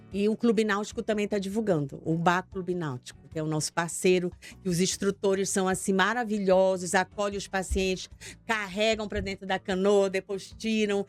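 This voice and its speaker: A woman chats as a studio guest, talkative and openly emotional about her work. Her voice sits at a middle pitch. Faint music plays under the talk. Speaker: guest, patient association organizer. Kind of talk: casual TV interview chat.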